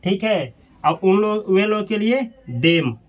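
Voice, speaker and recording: A man's voice: high-pitched, expressive, slow pace. A man teaching an English grammar lesson, asking questions and repeating the class's answers.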